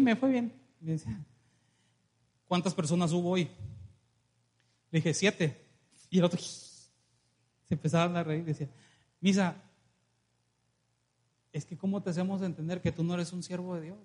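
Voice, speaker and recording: A man preaching an animated sermon in a church, calling on the congregation and acting out stories. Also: sits high. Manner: animated, calls congregation to respond, acts out dialogue. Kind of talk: lively sermon with storytelling.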